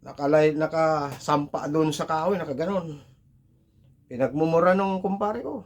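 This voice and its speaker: A man's voice: fairly high pitch, steady tone, moderate pace. Swearing man telling a comic tale. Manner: rough, swears casually, talks to listener directly. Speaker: storyteller. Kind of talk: casual comic storytelling.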